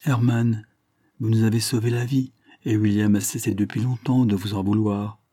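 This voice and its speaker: A man voicing a gentle, earnest young woman pleading with her cousin in a storybook reading. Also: lowish voice, flat delivery, moderate pace, no room sound, studio quality, natural voice. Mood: pleading tender. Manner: pleading, impassioned.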